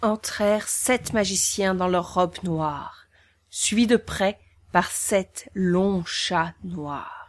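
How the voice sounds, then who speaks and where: Woman reading a kids story aloud, slow and quiet. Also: fairly low pitch. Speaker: narrator. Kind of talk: storybook narration.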